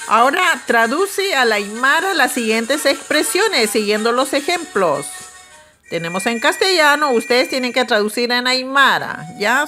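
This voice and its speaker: Bright, animated woman teaching slowly. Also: on the high side. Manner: drills Aymara words slowly, checking in with "¿ya?" and "¿no es cierto?". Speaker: Aymara language teacher. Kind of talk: recorded language lesson.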